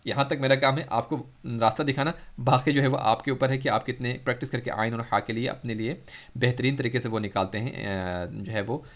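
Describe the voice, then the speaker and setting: A man with an Urdu accent, a Quran recitation teacher giving a lesson, who explains slowly and then draws out the sounds he demonstrates. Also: mid-range voice, fairly even intonation. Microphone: close mic.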